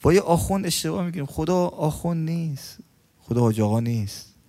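A man's voice: fairly high pitch, expressive. Man preaching a casual sermon. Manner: storytelling, asks the congregation questions; swings between loud stresses and hushed lines. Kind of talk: colloquial sermon. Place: mosque.

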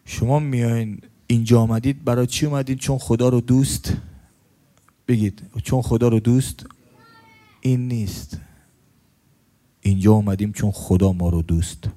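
A man giving a colloquial sermon in a mosque, telling stories and asking the congregation questions, swinging between loud stresses and hushed lines. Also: mid-range voice, fairly even intonation, long pauses. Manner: storytelling, asks the congregation questions. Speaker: preacher.

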